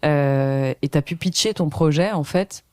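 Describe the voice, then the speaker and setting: A woman's voice: deep voice, unhurried, a little mellow, dry recording, studio quality. A woman hosting a podcast interview, asking friendly, rambling questions in a casual chat. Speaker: podcast host.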